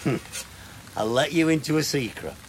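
An actor playing a self-pitying gardener, wistful and grandiloquent in a radio sitcom. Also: male voice, on the high side, animated, normal speed, slight background noise, natural voice. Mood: sly. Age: 30s. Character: weary, self-pitying male gardener in his thirties, cast out by his boss.

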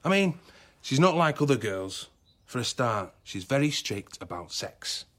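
An actor playing a smarmy, breezy boss in a radio sitcom, glib and chummy. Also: male voice, mid-range voice, sing-song, a little slow, fairly bright tone. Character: smarmy, breezy young male boss who discards his friends.

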